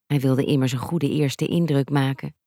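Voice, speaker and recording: An audiobook narrator reading a story in an even, measured storytelling manner. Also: medium pitch, no echo, studio quality. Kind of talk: scripted narration.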